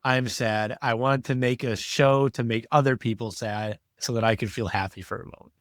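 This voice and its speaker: A man's voice: mid-range voice, steady tone, normal speed, dry recording, studio quality. A man co-hosting a podcast, giving blunt, opinionated takes in casual chat. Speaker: podcast co-host.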